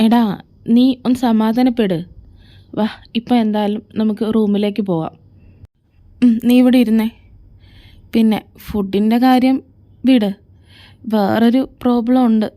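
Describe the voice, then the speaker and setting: A patient young man talks his friend down in a soothing, reasoning way, as a woman voices him. The tone is mellow and fairly high. This is a homemade fan audio drama. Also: steady tone, unhurried, long pauses, lightly acted. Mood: calm.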